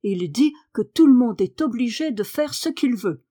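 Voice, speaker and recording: A woman's voice: a little high, expressive, moderate pace, warm tone. A woman voicing a willful young girl who speaks firmly and earnestly. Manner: firm, earnest.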